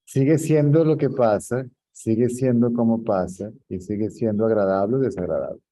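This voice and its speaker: Very dark-voiced man teaching. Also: fairly low pitch, fairly even intonation, normal speed. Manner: conversational, often checks understanding, laughs at his own stories. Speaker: spiritual teacher. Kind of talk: informal teaching talk with anecdotes. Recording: dull lo-fi recording.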